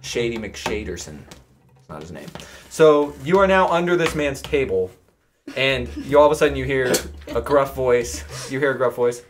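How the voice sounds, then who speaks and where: A man's voice: medium pitch, expressive, normal speed. A man running a tabletop role-playing game for friends in a casual, joking, crude style. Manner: informal, joking, crude humor. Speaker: game master. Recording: noisy room recording with clicks.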